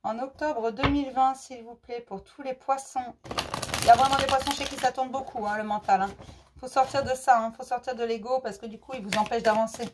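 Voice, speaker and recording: A woman giving a general tarot reading, her voice hoarse and fading, who softly repeats her questions to the cards. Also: on the high side, steady tone, fairly quick, background noise. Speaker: tarot reader.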